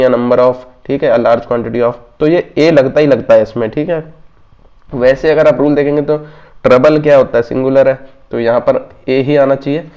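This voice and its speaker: A man's voice: medium pitch, mellow, dull audio. A man teaching exam grammar rules, explaining step by step and often checking in with listeners. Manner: explanatory, repeats "theek hai" as a check-in. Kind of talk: exam grammar lesson in Hindi-English mix.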